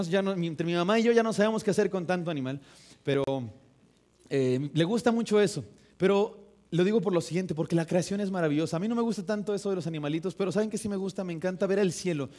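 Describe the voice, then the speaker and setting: A young man with a Mexican Spanish accent delivers a sermon in a church, his voice sitting noticeably high for a man. He speaks conversationally, mixes in humor, and keeps turning to the congregation with rhetorical questions. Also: a little mellow. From northern Mexico. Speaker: preacher. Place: church sanctuary.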